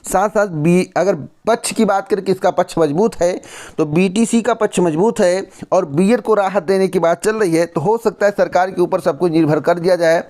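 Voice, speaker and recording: A man's voice: high-pitched, normal speed, darkish tone. A man hosting a news channel, giving blunt, lecturing commentary straight to camera and repeating phrases for emphasis.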